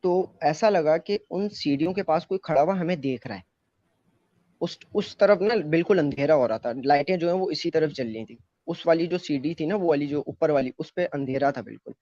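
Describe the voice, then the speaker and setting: A fairly high, warm male voice, a touch quick, casually retells his own experience in a loose, meandering way, with frequent fillers and restarts. Captured dry on a close mic, the sound is dull and muffled.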